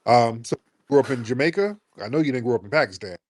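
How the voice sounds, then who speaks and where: A man's voice: medium pitch, expressive, fast. Insistent man hosting a chat. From United States. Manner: insistent, rhetorical questions, emphatic. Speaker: host of an audio chat room. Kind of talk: casual debate chat.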